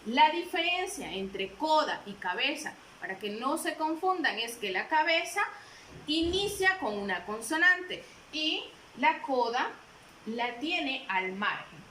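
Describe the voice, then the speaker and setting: This teacher is a woman whose high, bright voice has a sing-song lilt, and she talks at a relaxed pace. She works through a classroom lesson with patience, going over things again and asking her audience questions. There's a roomy quality to the audio and a little noise in the background.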